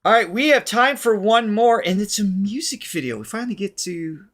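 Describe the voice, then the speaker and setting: A man co-hosting a live music reaction podcast, chatting casually, upbeat and quick to laugh. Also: high-pitched. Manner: upbeat and animated, laughs often. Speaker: podcast co-host running a live reaction stream.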